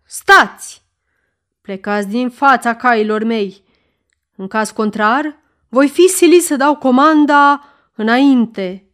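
A woman playing a stern shouting cavalry count. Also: fairly high pitch, natural voice. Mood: commanding. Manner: commanding, shouting orders. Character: stern military count commanding cavalry, adult man. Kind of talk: audiobook character reading.

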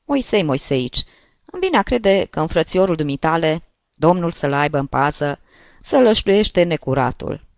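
A kindly old village priest, as a reader puts him on, scolding softly with sighs and homely turns of phrase, his voice climbing high and swooping widely. The storybook reading is close and dry, with a dull, lo-fi sound. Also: animated, vocal fry, no room sound. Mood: chiding. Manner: gently scolding, sighing, folksy.

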